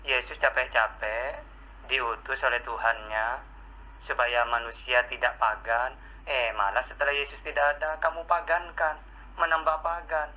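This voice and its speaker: Man debater, very bright sharp voice, combative, voice-chat debate. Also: medium pitch, a little hiss or hum, low-quality recording. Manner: challenging, combative. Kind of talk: heated online voice-chat debate.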